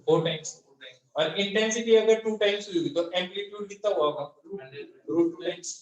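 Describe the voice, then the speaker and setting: High-voiced male physics teacher, echoey room. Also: brisk, lo-fi sound. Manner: questions the class over and over, answering his own questions. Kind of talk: classroom lecture. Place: classroom. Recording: echoey classroom.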